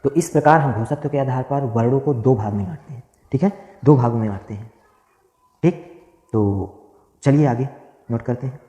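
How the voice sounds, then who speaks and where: A man with a mellow, dark voice teaches a grammar class, saying each phrase several times as he dictates notes. He keeps asking his own questions and answering them. The sound is roomy, with a long, echoing tail. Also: mid-range voice, fairly quick. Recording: echoey room with long reverb.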